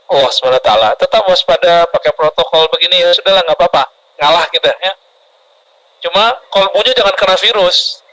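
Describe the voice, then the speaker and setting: A man preaching a sermon to a congregation, lively and often putting questions to the audience. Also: high voice, rough recording. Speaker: Islamic preacher.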